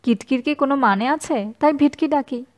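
A woman's voice: high-pitched, moderate pace, darkish tone, dull audio, close to an everyday voice. A woman voicing a cheerful young woman who teases playfully in mock-formal banter. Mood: teasing.

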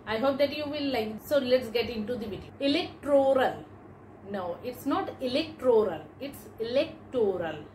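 A woman's voice: fairly high pitch, brisk, hardly any pauses, a little mellow. A woman teaching English pronunciation, repeating each word with emphatic corrections. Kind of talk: pronunciation lesson. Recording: echoey room with faint background noise.

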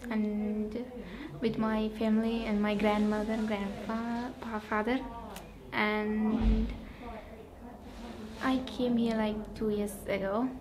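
A teenage girl from Sri Lanka speaking slowly in simple phrases in an interview. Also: fairly high pitch, level tone, music in the background, poor audio. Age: teens.

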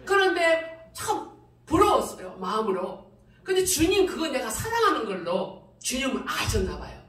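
A middle-aged woman pastor preaches a testimony, laughing often and acting out her own cries to God. Her voice is high and bright and swings widely in pitch. It comes from a distance and echoes through a roomy hall. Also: big pitch swings, normal speed. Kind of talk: testimony sermon.

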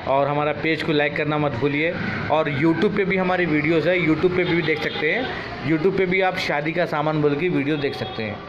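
A man's voice: on the high side, moderate pace. A man giving an informal, repetitive product demonstration as a shopkeeper, recorded on a phone in a small room. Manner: repetitive, instructive sales patter. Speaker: shopkeeper and seller of household goods. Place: small indoor shop room with shelves of crockery. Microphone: phone camera a short distance away. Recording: muffled, noisy, echoey phone video.

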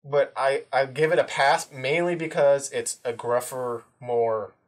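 Brief: male podcast co-host, mid pitch, loose and profane, laughs a lot. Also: steady tone, a little slow. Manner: loose, swears casually, laughs often. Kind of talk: casual chat.

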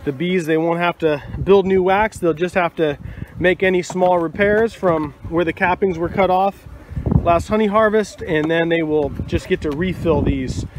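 Holding his phone camera at arm's length, a beekeeper in his thirties walks viewers through things in a laid-back vlog recorded at his bee yard. He speaks at a normal speed in a slightly high voice, using fillers as he explains. Faint outdoor noise can be heard.

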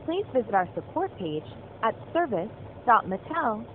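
A woman's voice: a little high, very animated, background noise. Give me a recorded phone-menu woman over a tinny line. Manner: polite, measured, evenly paced. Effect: recorded phone menu message. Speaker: automated customer service line. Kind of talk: scripted announcement.

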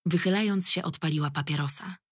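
A woman narrating a novel as an audiobook reader, with an even, measured delivery. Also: fairly low pitch, husky, no echo, studio quality.

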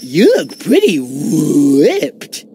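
A man's voice: fairly high pitch, wildly swooping pitch, extremely slow, dark tone, slight background noise, heavily acted. A man voicing a cheerful, clueless cartoon athlete with a goofy, naive, drawling delivery. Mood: chipper, naive. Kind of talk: cartoon voice acting.

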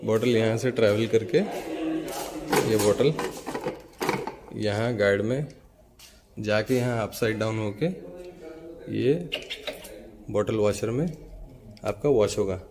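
A man from India, a representative of the machine maker, walks through a large indoor factory holding a phone camera, explaining each machine of a bottling plant step by step. His voice is fairly low and steady, and he talks slowly with frequent pauses as he points things out to the viewer. Background noise can be heard.

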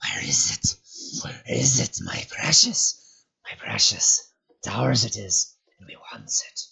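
Gollum, hissing and whimpering. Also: male voice, mid-range voice, lively intonation, slow, vocal fry, bright, forceful tone, slightly rough, whispered, pitched above the performer's own voice, heavily acted. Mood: hissing, spiteful. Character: wretched hissing creature, cringing and greedy. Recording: dull lo-fi recording.

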